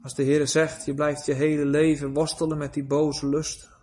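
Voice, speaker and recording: A man preaching a sermon, moving from quiet, hushed passages to rising, pleading cries. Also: on the high side, monotone, moderate pace.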